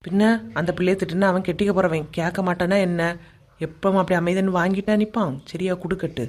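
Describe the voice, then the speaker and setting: A woman's voice: lowish voice, steady tone, fast talker, darkish tone, lightly acted. A woman with a Kanyakumari accent playing a sympathetic, indignant village woman in a family comedy skit. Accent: Kanyakumari Tamil. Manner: indignant, consoling. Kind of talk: acted village family drama.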